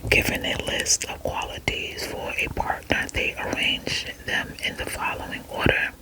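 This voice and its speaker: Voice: normal speed, low-quality recording. An ASMR creator whispering casually to viewers, rambling and hesitant as if thinking aloud.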